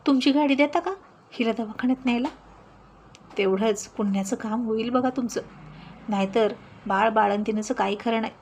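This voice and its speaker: A woman voicing a bold, quick-witted young village woman who talks in a brash, scolding way with rough village speech. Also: on the high side, darkish tone, slight background noise, natural voice. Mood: bossy.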